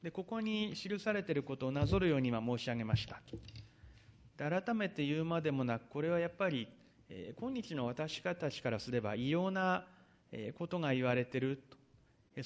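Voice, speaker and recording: A male pastor preaches in a fairly high voice that swoops up and down with lively intonation. He reads verses aloud and then explains them at an unhurried pace. Drawn-out hesitations run through his talk. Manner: frequent drawn-out hesitation fillers. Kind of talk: sermon with scripture reading.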